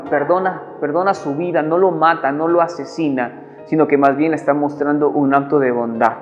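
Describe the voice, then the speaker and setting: A man from Ecuador giving a devotional sermon, earnest and halting, often repeating words as he goes. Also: a little high. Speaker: preacher. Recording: dull recording in a reverberant hall, soft music behind.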